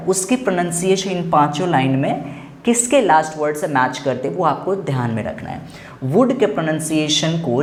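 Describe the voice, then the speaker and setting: Indian man teaching in an echoey room. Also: fairly high pitch. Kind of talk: explanatory lesson. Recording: echoey room with faint background noise.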